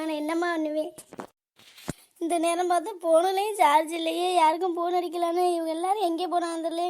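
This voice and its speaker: A woman's voice: high-pitched, natural voice. A woman voicing an adult daughter in a cartoon comedy, wailing and accusing her relatives.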